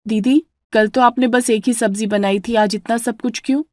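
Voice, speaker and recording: Brief: cartoon younger daughter-in-law, young and resentful, played by a woman, soft higher voice. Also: fairly even intonation, moderate pace, no room sound, studio quality, natural voice. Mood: grumbling.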